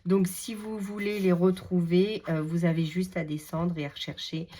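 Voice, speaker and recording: A woman's voice: lowish voice, level tone, normal speed, mellow. A woman hosting a craft channel, leafing through her collection in a casual, hesitant way with many fillers and enthusiastic repeats. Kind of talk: casual product show-and-tell.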